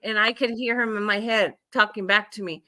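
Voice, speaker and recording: A middle-aged woman hosting a casual group chat, telling everyday stories in an animated, frank way. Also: medium pitch, a little fast, dry recording. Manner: chatty, animated storytelling with frank asides. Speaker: livestream host.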